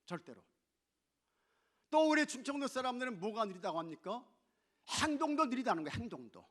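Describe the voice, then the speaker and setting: A man preaching a sermon as pastor, shifting from loud exclamations to hushed asides and playfully mimicking regional dialects. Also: very high-pitched, sing-song, a little fast. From not from Chungcheong. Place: church sanctuary.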